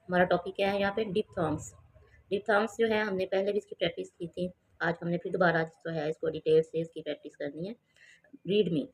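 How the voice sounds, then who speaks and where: A woman teaching a children's English lesson, reading English lines slowly and explaining each step with repeated words. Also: mid-range voice, poor audio. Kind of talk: home tutoring lesson.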